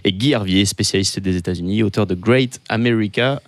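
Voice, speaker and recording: A man's voice: low voice, steady tone, quick pace, dry recording. A man co-hosting a radio show, introducing the guests in a conversational way. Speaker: radio co-host.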